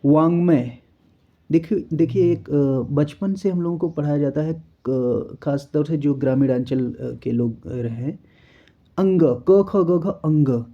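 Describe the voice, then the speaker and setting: A man's voice: fairly high pitch, slow pace. A man teaching an exam-prep spelling lesson, explaining step by step and often checking in with the learner. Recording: dull lo-fi recording.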